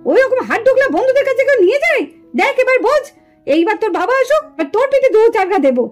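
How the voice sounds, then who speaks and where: Brief: woman voicing a shrill, scolding puppet-show mother, very high, faint music behind. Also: sing-song, fast talker. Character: loud scolding village mother, angry.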